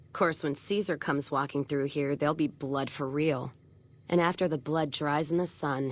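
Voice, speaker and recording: An actress with a low-sitting voice plays a tough, cynical, foul-mouthed caravan boss in video game character dialogue. She's blunt and sardonic, peppering her lines with folksy frontier phrasing.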